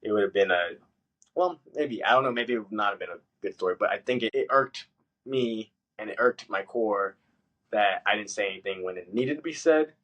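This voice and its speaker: A man's voice: fairly quick, poor audio. Casual storytelling man. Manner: swearing, animated retelling with high-pitched quoted voices. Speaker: podcast host.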